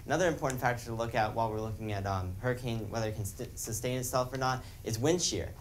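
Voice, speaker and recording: A man's voice: medium pitch, fast talker, slight background noise. A man giving a live technical forecast, explaining maps as he goes. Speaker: weather forecaster.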